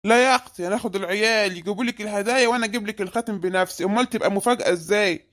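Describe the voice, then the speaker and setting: A performer voicing a stingy, grumbling middle-aged husband with an Egyptian accent, who scolds his wife in a quick, nagging way. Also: medium pitch, a bit bright, lightly acted. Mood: wary.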